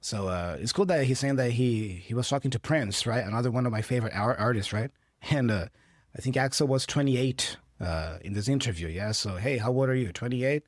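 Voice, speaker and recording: An English teacher, a man who speaks Portuguese natively and has a Brazilian Portuguese accent, patiently explains English phrases from a clip for learners and checks in often. His medium-pitched voice moves fairly quickly. The recording is clean studio sound with no echo.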